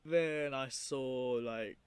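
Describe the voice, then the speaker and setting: A man's voice: medium pitch, extremely slow, clean tone, dry recording. A man narrating his own story in a casual, unscripted way, rambling informally and often trailing off. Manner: rambling, informal, trailing off with 'like' and 'you know'. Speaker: documentary narrator and video creator.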